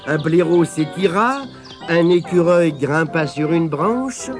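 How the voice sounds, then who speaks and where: Slow, expressive male storyteller. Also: fairly high pitch, music in the background. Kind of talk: children's story reading.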